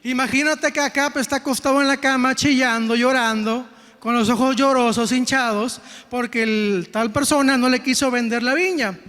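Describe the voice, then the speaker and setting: A Mexican man delivers a sermon in a remarkably high voice, folksy and emphatic. He keeps turning questions on his listeners, and his words carry a long reverb tail from the event hall where he speaks. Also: steady tone, moderate pace, fairly bright tone. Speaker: preacher.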